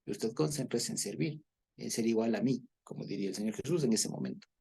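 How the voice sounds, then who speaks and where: A man's voice: medium pitch, fairly quick, gravelly, warm tone, slightly rough. A man teaching a Bible study, explaining at length, repeating words and checking in with listeners.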